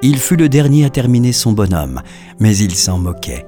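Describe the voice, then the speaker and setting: Expressive male storyteller. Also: fairly low pitch, normal speed, faint music behind. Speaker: narrator. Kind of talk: scripted children's story narration.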